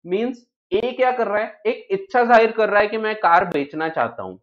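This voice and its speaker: A man gives an exam-prep law lecture with a fairly high voice. He reads English legal text slowly and then explains it in Hindi, asking the class questions and answering them himself. The recording sounds dull and lo-fi. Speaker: law teacher.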